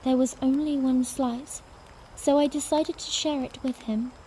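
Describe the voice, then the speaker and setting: Woman acting a high-voiced, tender princess, Zelda. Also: steady tone, unhurried, warm tone, a little hiss or hum, low-quality recording. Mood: warm, wistful. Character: young princess, tender, earnest, gently playful narrator. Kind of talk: first-person audiodrama narration with character dialogue.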